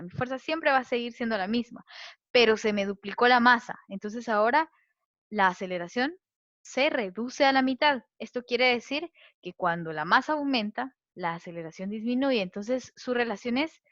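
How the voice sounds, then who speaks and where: A woman's voice: on the high side, animated, moderate pace, a bit bright, no echo. Woman, physics teacher, patient, explains step by step, muffled lo-fi sound. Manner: patient, checks understanding with a questioning tag. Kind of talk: explaining physics over slides. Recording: muffled lo-fi recording.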